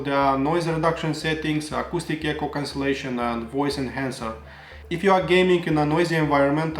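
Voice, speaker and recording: A man narrating a product review of audio gear, explaining features earnestly and giving his own opinions. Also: on the high side. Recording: roomy echo.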